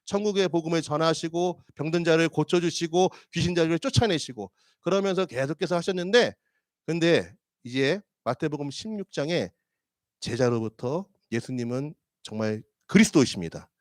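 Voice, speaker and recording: Animated Korean pastor preaching in a dry room. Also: male voice, a little high, normal speed, dry recording. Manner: lively and conversational, asks the congregation questions, acts out quoted voices. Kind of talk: sermon. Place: church sanctuary.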